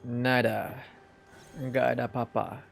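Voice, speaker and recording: A man with a Malaysian accent streams a game, casually commenting live and muttering short, slangy exclamations to himself. His medium-pitched voice is level, unhurried, and has vocal fry, with game music playing behind him.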